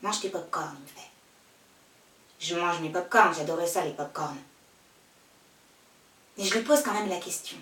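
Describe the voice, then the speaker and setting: A woman performing a theatrical monologue, wistful and storytelling, swinging between hushed lines and loud pleading ones. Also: lowish voice, measured pace, long pauses, far from the mic. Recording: echoey room, voice from afar.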